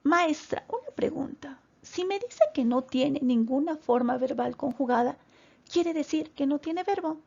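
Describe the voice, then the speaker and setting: A woman's voice: high-pitched, expressive, a little slow, vocal fry, a little mellow, lo-fi sound, full character voice. A woman voicing a curious young pupil who politely asks the teacher questions.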